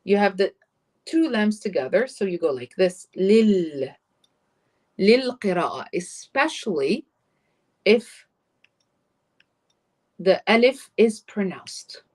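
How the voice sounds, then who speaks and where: A woman's voice: mid-range voice, sing-song, extremely slow, pauses often, a little mellow. A woman teaching a live online Arabic class, explaining grammar patiently and switching between English and Arabic. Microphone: computer mic on a live stream.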